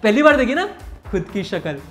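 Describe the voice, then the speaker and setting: A man's voice: high voice, big pitch swings, fairly quick, faint music behind. A man playing a bossy rehab centre staffer. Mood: mocking. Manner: stern, mocking, commanding. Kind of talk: comic sketch acting.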